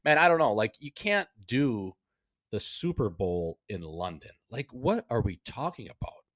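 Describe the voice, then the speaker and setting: Casting: male sports podcast host, frat-bro energy, sweary and slangy, mid-pitched, close dry sound. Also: big pitch swings, a little slow, fairly bright tone, no echo. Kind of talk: casual sports podcast banter.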